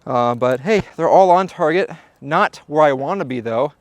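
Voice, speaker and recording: Guy hosting a shooting vid, jokey and playful, kinda high voice. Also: lively intonation, moderate pace, no room sound. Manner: playful, jokey, talks to the viewer. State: out of breath at times. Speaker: shooting channel host. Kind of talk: casual vlog narration at the range. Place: outdoor shooting range.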